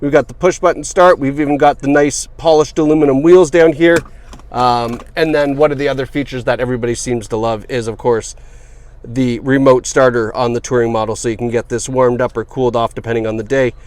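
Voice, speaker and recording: He has a medium-pitched, darkish voice with fairly even intonation and a fairly quick pace, captured on a dry recording. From inside a car, this salesman delivers a laid-back, upbeat walkaround of the car for sale, chatty and filler-heavy, all while hiccuping.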